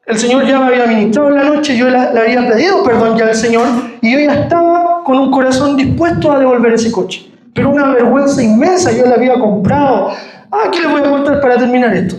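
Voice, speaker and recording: A man's voice: very high voice, fast, a little mellow. A man giving a sermon testimony, telling a story and calling the listeners brother. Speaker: preacher. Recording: roomy echo.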